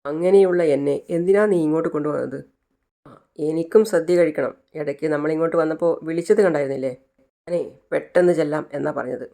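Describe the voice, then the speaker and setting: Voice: mid-range voice, quick pace, gravelly, warm tone, close to an everyday voice. A narrator voicing a weary middle-aged father in a serial retelling, speaking bitterly in a near-ordinary voice. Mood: puzzled.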